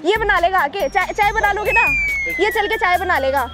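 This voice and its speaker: Young woman pranking her mom on the phone, super high squeaky voice, all giggly and gushy, music going underneath. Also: expressive, normal speed. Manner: gushing, teasing, giggly. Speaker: prank video host.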